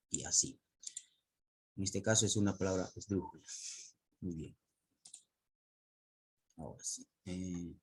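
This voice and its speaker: A man's voice: lowish voice, dark tone, husky. A man teacher explaining to a class over a video call, often repeating words, restarting phrases and asking questions.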